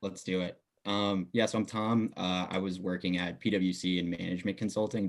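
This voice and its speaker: A young man talks fast and at length as a podcast guest, his voice low and gravelly with a husky edge. His pitch barely moves, and his answers are full of ums and uhs. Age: young adult. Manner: fast, detailed, uses filler words. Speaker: podcast guest, business student. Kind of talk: casual interview talk.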